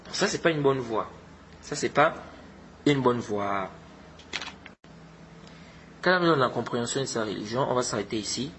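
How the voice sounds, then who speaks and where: A man with a medium-pitched, expressive, fairly bright voice gives an informal religious lesson at a moderate pace with long pauses, a little hiss or hum audible. As a religious teacher, he exhorts his listeners, often repeating his points and mixing in Arabic religious terms.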